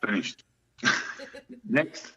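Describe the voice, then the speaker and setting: Speaking very slowly over a noisy background, a middle-aged Scottish man guests as a musician in a laid-back interview. He spins stories with chatty humor, and the recording is echoey and dull, with a lo-fi quality.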